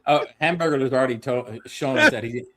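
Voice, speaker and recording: A man of middle pitch, from Southern California, chats in a laid-back, teasing way on a livestream. He sounds relaxed and plain. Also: fairly quick, crowd noise. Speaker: livestream co-host. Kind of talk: casual livestream banter.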